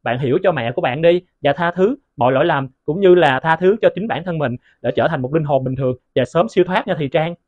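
An earnest young ghost hunter, acted by a man, coaxing a spirit in a rapid, fairly high voice. The sound is thin and phone-like, and the room sounds dry. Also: dry recording, lightly acted. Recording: tinny phone-like recording.

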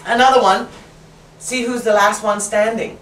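A woman leading a teacher training workshop, brisk and chatty, who keeps checking in with "right?". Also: fairly high pitch, fairly even intonation, slight background noise. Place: classroom. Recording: roomy classroom from far off.

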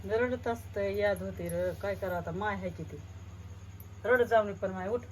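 A middle-aged woman talks. Her voice is at a medium pitch, and faint background noise is heard behind her. She consoles and gently scolds in plain, homely talk. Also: moderate pace. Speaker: mother in the family. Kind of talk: casual family vlog.

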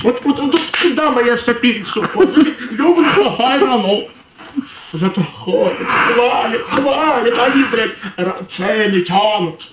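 Man doing a high-pitched angry old granny, worn tape. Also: lively intonation, exaggerated voice. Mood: furious. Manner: grumbling, swearing, halting as reading out figures. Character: angry foul-mouthed old grandmother fretting over bills. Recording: worn, muffled, noisy echoey old-tape sound.

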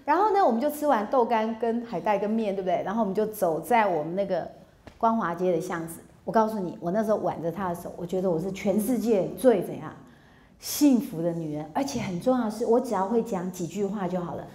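A woman in her fifties with a Taiwanese Mandarin accent, giving a public lecture on relationships. She tells personal stories in a lively way and acts out dialogue, often laughing. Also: medium pitch, fast talker, echoey room.

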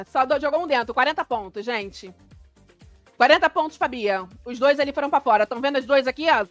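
A woman's voice: sits high, a little fast, no echo, faint music behind. A woman hosting a live stream, commenting on a reality show and reading out viewer comments in a chatty, exclamatory way.

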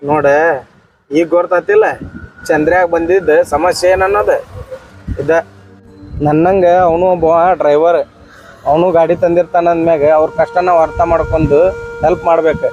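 A man's voice: a little high, steady tone, normal speed, pauses often, muffled recording, lightly acted. A man playing a kind driver speaking with feeling about his friend. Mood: earnest. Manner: earnest, moved. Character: fellow driver, kind and earnest.

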